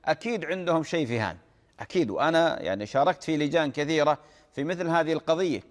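Fast-talking male religious scholar. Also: a little high, lively intonation, long reverb tail. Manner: explanatory, repeats phrases, addresses the questioner as "my dear brother". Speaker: religious scholar answering listener questions. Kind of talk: religious Q&A program.

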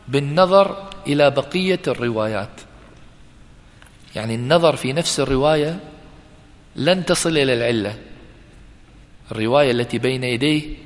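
A male teacher giving a classroom lecture, repeating key terms slowly and putting questions to his students. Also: fairly high pitch. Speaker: teacher of hadith sciences. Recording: long reverb in a hall.

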